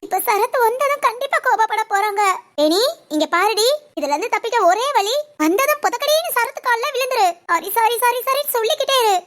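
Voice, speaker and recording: A woman voicing a fretful, very high-pitched young wife. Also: animated, fairly quick, fairly bright tone. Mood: anxious. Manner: fretful self-talk, coaxing and pleading. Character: young wife and teacher, anxious, pleading, playful. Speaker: wife of a policeman. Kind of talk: Tamil audio drama.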